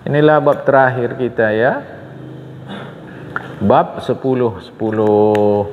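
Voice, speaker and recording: A man's voice: medium pitch, steady tone, slow pace, a little hiss or hum. An older man teaching an Islamic study session to a congregation. He speaks earnestly, keeps calling on his listeners and asks them rhetorical questions. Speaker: religious teacher. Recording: reverberant hall, dull lo-fi sound.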